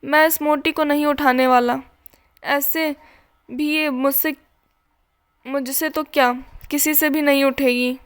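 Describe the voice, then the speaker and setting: A woman voicing a bossy, teasing young male police officer in a storybook reading, talking in a gruff, bickering way. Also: sits high, steady tone, slow pace, long pauses.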